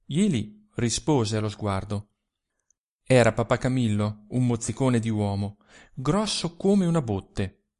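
A man narrates a classic short story in a volunteer audiobook. His reading is expressive and unhurried, with a mid-range voice and a slow, deliberate pace. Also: medium pitch.

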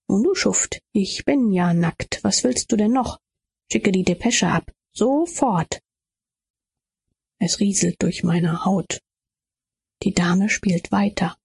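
Slow, gravelly woman reading dramatically. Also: medium pitch. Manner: intense inner-monologue delivery with whispered asides. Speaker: audiobook reader. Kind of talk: dramatic first-person audiobook reading.

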